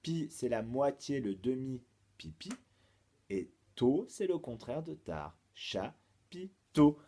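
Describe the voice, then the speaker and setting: A man, a teacher giving a slow, patient home lesson to young children and repeating each step. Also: mid-range voice, lively intonation, mellow, a little hiss or hum. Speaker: kindergarten teacher.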